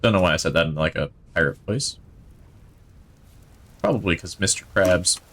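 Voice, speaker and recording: A man's voice: sits low, moderate pace, fairly bright tone. A male streamer giving casual, chatty gameplay commentary, rambling and thinking aloud, enthusiastic about what he plays.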